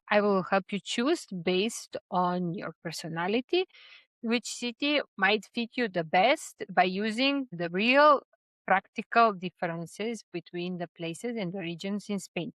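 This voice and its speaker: Young woman from Serbia, vlog host, unhurried and chatty, mid-pitched voice, close and dry. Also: a bit bright, no echo. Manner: unhurried, with frequent fillers and restarts. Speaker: expat life vlogger. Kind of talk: casual explainer talk to camera.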